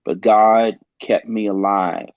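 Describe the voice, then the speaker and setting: Smooth and low, with fairly even intonation, the pastor haltingly and earnestly relates a personal story, pausing on ums again and again. The sound is dull, dry and echo-free, much like a lo-fi talk show.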